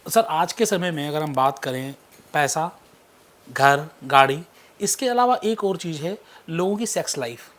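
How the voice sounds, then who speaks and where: A man's voice: on the high side, expressive, measured pace, fairly bright tone. A man hosting a casual podcast interview, asking short questions in a playful way. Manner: playful, laughs often, asks short questions. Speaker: podcast host.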